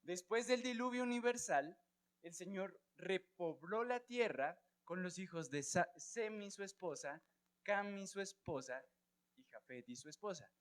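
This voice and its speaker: A man with a Colombian Spanish accent leads a Bible class, his voice pitched high for a man. He keeps asking his students questions and checks that they are following along. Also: lively intonation, measured pace. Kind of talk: church Bible class teaching.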